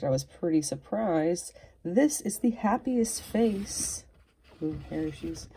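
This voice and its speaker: A woman's voice: deep voice, mellow, a little hiss or hum. A woman reviewing and unboxing a collectible figure in casual, self-deprecating chat, drifting into whispers while she fiddles with it. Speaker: toy reviewer.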